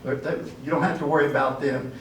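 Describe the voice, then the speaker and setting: Heard from a distance in an echoing church hall, an older man running for office talks fast at a dinner, his campaign speech folksy, meandering and packed with fillers. His voice sits on the high side with a level tone, over background noise.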